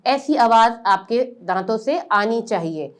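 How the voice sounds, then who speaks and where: A woman teaching Quran letter pronunciation step by step, explaining patiently and then drawing out each letter sound slowly and loudly. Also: a little high, lively intonation.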